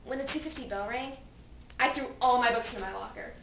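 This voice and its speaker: A young woman performs a theatrical, anguished dramatic monologue as a dead seventeen-year-old girl recounting her story, using a high voice and a fairly quick pace. The wistful piece moves from hushed recollection to desperate pleading. It's recorded on a distant mic in an echoey room with clear noise.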